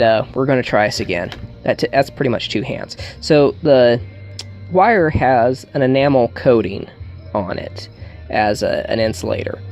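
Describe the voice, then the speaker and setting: A man giving a casual hands-on tutorial, thinking aloud in a halting way as he works, with wry humour. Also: medium pitch, vocal fry, a little mellow. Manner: thinks aloud while working, halting, wryly joking. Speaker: hobbyist demonstrating an electronics hack.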